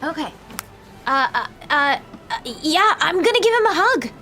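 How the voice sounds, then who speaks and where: A woman's voice: high-pitched, very animated, moderate pace, pushed and bright. A woman player in a tabletop game, giggly and hesitant as she plays her character. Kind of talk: in-character tabletop role-play.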